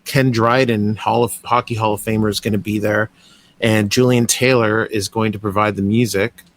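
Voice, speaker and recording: With a lowish voice and flat delivery, a young Canadian man talks at a moderate pace while hosting a podcast. The casual interview chat is still enthusiastic and rambling, full of restarts.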